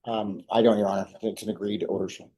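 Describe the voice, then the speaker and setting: Fast-talking, mellow male defense attorney. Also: lowish voice, level tone, breathy edge. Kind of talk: courtroom questioning.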